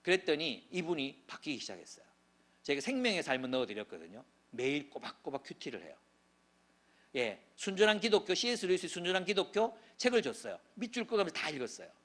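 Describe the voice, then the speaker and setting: A middle-aged male pastor delivers a sermon through vivid storytelling. His voice sits fairly high for a man and swings widely in pitch, swelling into loud bursts and then dropping low. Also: quick pace. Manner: animated storytelling, voice swells and drops sharply. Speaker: pastor, guest speaker.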